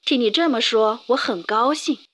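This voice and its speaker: A woman's voice: a little high, normal speed, a bit bright. A woman voicing a tiny, frail old woman in a storybook, with squealing cries and motherly scolding.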